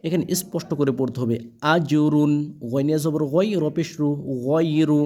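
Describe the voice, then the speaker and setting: A man teaches Quran reading, spelling out each letter and its vowel marks one by one. His voice sits a little high yet sounds soft and warm. He draws the recited words out slowly and keeps checking that his learners follow. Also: steady tone. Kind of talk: spelling-out Quran lesson, call and repeat.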